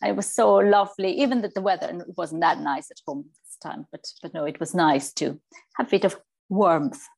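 Spanish-accented woman in her forties, lowish voice. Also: normal speed, creaky, a little mellow, slightly rough. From Spain. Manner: chatty, repeats words and restarts, frequent fillers. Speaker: riding coach. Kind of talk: casual interview.

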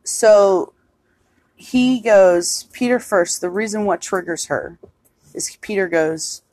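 A woman's voice: mid-range voice, takes it slowly, a little mellow, no room sound. A young woman co-hosting a casual movie podcast, retelling scenes animatedly with lots of "like" and free swearing. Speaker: podcast co-host. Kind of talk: casual movie review chat.

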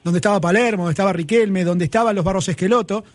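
Hombre argentino de voz aguda y enfática. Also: male voice, high-pitched, fast, no echo. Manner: emphatic, argumentative, repeats his points. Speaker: sports pundit. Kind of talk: heated sports talk debate. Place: broadcast studio.

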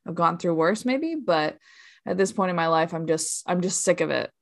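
A woman's voice: lowish voice, animated, normal speed, vocal fry. A woman in her late twenties, a teacher, chatting casually with dry, sarcastic humor. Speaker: teacher, podcast guest. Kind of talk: casual chat.

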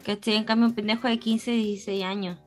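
A woman's voice: medium pitch, flat delivery, fast, soft background music. A young woman with a Chilean accent, chatting casually as a podcast co-host, slangy and prone to tangents. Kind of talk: casual chat.

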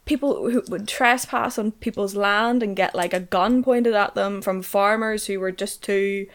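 A woman co-hosts a casual podcast in a Derry accent from Northern Ireland. She speaks at a middling pitch and is blunt and sarcastic. Swearing comes freely as part of her banter. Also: fairly even intonation, a little slow. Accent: Derry, Northern Irish. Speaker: podcast co-host.

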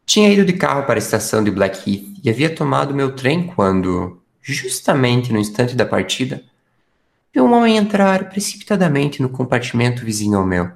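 A man's voice: mid-range voice, big pitch swings, fairly quick, vocal fry. A man playing a detective's earnest, impressionable companion in a radio drama, recounting findings expressively. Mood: intent, convinced.

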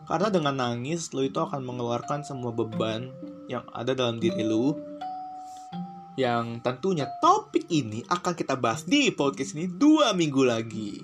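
A man hosts a casual podcast, earnest and slangy, slipping English phrases into his talk. His pitch sits at an ordinary middle. Plucked guitar music plays clearly behind him. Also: very animated, moderate pace. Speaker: podcast host.

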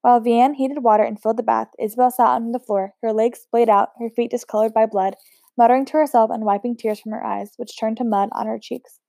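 Woman reading a novel aloud, mellow and dry. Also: a little high, fairly quick, creaky, no echo. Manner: steady, unpolished reading with occasional slips and restarts. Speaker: audiobook reader.

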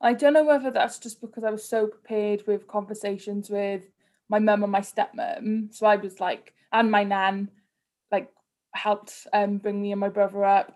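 A woman's voice: mid-range voice, level tone, normal speed, a little mellow. A woman from Cardiff with a Cardiff Welsh accent, chatting casually and candidly as a podcast guest, often dropping in "like". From Cardiff, Wales. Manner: candid, conversational, heavy use of "like". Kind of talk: casual personal interview chat.

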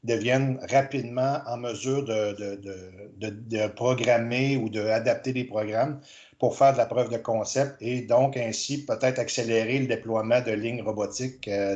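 A man, a panelist speaking in a measured way, repeating words while he thinks. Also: lowish voice, darkish tone, highs cut off. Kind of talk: round-table discussion.

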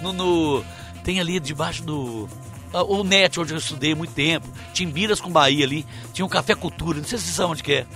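A man, co-hosting a casual chat and telling stories in an animated way, laughing as he acts out the people in them. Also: fairly high pitch, a little fast, faint music behind. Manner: animated, laughs through his stories, acts out quoted voices.

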